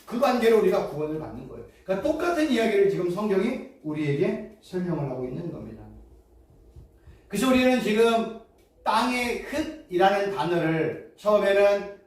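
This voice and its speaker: A woman seminary professor giving a preaching-style Bible lecture, quizzing her listeners with rhetorical questions and repeating key phrases for emphasis. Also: mid-range voice. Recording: very echoey room, mic far off.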